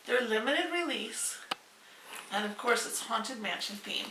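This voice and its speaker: A woman's voice: a little high, expressive, measured pace, noisy background. A woman in her fifties chatting in a casual home vlog, gushing and playful as she shows off her collectibles. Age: 50s. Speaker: vlog host showing collectibles. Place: home room. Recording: echoey room, mic at a distance.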